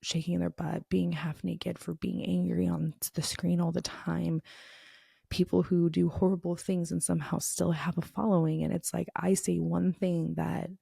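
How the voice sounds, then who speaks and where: Gravelly, low-voiced woman podcast host. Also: flat delivery, normal speed, warm tone, dry recording, studio quality. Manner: earnest, frustrated, emotional and confiding; conversational, with frequent "like" fillers. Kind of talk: candid solo podcast monologue.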